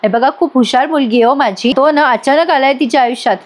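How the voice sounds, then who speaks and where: A woman reading a calm fatherly male doctor. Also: high-pitched, fast talker, close to an everyday voice. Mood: earnest.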